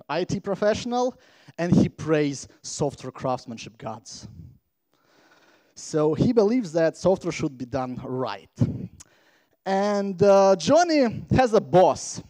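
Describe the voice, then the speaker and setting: A man from Latvia giving a playful, energetic conference talk from a stage microphone. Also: high-pitched, no echo. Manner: energetic, playful, engages the crowd. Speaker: conference speaker.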